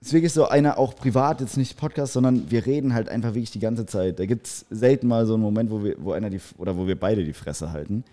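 A man's voice: on the low side, fast, few pauses, mellow. A young man co-hosting a podcast, rambling in slangy casual chat and laughing often. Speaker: podcast co-host.

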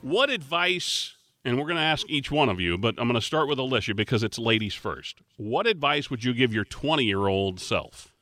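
A man's voice: medium pitch, animated, fairly quick, hardly any pauses, bright, forceful tone, dry recording, studio quality, soft background music. An older man hosting a panel chat, leading the questions with an upbeat manner and sports comparisons. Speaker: show host.

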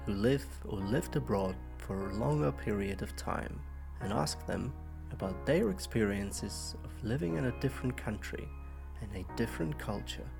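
Gravelly low-voiced male podcast narrator. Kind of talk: scripted narration.

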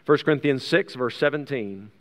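A man from the United States preaches at medium pitch and normal speed, reading scripture to a congregation in a large reverberant room. His style is conversational, peppered with rhetorical questions and asides, and the recording carries long hall reverb.

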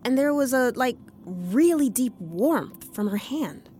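A woman's voice: on the high side, takes it slowly, a little hiss or hum. An actress playing an earnest young woman who can sense demons, in an audio drama. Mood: puzzled. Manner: earnest, lively and emotional.

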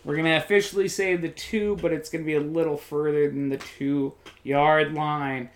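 A man doing joking, excitable, folksy play-by-play commentary on a football video game. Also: fairly high pitch, normal speed. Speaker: play-by-play announcer.

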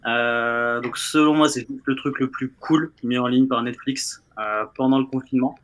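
Give me a casual, mid-pitched man. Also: steady tone, moderate pace, fairly bright tone. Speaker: show columnist. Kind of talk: casual live presentation.

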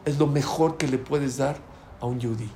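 A man's voice: mid-range voice, normal speed, warm tone. A man giving a religious talk, emphatic and addressing his listeners with questions. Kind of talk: preaching talk. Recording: echoey room with faint background noise.

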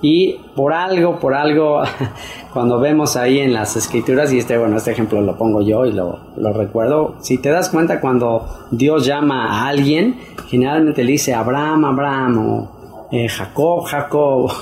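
A man's voice: normal speed, a little mellow. A man giving a casual sermon to wives, talking conversationally with many fillers and repeated words. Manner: acts out quoted wives in a higher voice. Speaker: preacher.

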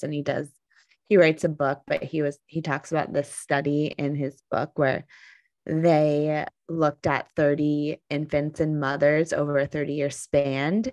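A woman in her thirties with a low, gravelly voice, co-hosting a casual podcast. She tells stories in a chatty way and livens up when something amuses her. The sound is dry and close to the mic. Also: darkish tone, no room sound. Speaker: podcast co-host. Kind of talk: casual chat.

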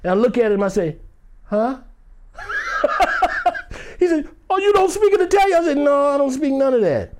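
The interview guest's voice is extremely high and sing-song, delivered at a normal pace with long pauses and slight background noise. He tells an animated story loosely and conversationally, leaning on "you know" fillers and acting out the other characters.

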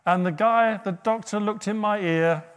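Man, middle-aged preacher, sermon, slightly high voice, humorous asides. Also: normal speed, clean tone. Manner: humorous, asks the listeners questions.

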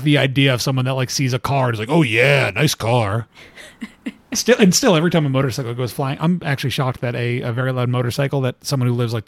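A man's voice: mid-range voice, no echo. A man talking casually as an interview guest, rambling with lots of fillers and laughing at his own stories. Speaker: cartoonist guest.

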